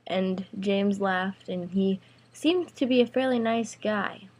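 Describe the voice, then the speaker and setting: A woman's voice: medium pitch, takes it slowly, darkish tone. A woman vlogger casually improvising a rambling storytime narration.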